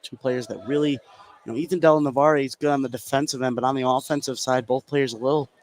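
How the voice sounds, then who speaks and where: At a high school basketball gym, an American color commentator offers analysis during a live broadcast, with faint gym noise in the background. His voice is medium-pitched, fairly even in intonation, and fast.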